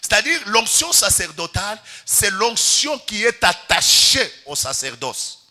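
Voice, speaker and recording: A man's voice: high-pitched, sing-song, unhurried, pushed and bright. A Congolese pastor preaching a sermon in church, calling out to the congregation and stretching his key words for emphasis. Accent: Congolese French.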